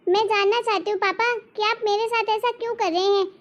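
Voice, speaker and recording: A woman voicing a spoiled, lazy young married daughter in an animated story, talking back indignantly. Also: extremely high pitch, brisk. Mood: defiant. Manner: indignant, argumentative. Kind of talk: cartoon story voice acting. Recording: dull lo-fi recording.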